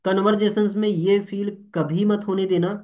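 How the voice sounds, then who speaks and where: A man's voice: high-pitched, moderate pace. A young man training network marketers, speaking Hindi mixed with English and often checking if everyone is following. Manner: animated, keeps asking "ठीक है?" and "All clear?"; mixes Hindi with English words. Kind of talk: motivational training talk.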